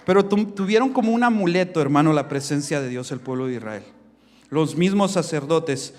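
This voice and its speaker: A male pastor preaching a sermon in a church on a handheld microphone, joking in quiet asides and then building to shouted preaching. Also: a little high, lively intonation, fairly quick, soft background music.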